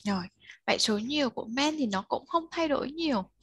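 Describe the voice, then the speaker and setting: A woman's voice: high-pitched, animated, a little fast, a bit bright, breathy edge, no room sound. Patient woman tutor, dry close sound. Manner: patient, explains step by step, prompts the learner. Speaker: English tutor. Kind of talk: one-on-one tutoring of a child.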